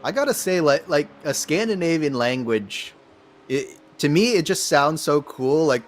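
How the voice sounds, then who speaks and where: A man with a somewhat high, lively, unhurried voice co-commentates a sim race in live commentary chat. He explains the driving in a hesitant, thoughtful way, often restarting his sentences.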